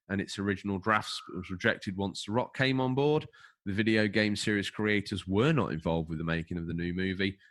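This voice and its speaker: Reading a movie summary on a laid-back podcast, a man with a low, slightly bright voice keeps adding jokey, emphatic comments. He's one of the co-hosts, and names tend to trip him up.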